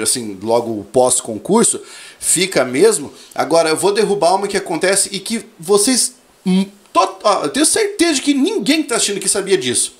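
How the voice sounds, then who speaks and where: Higher-pitched man with a lively, swinging voice. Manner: expressive, playful storyteller. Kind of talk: casual podcast conversation.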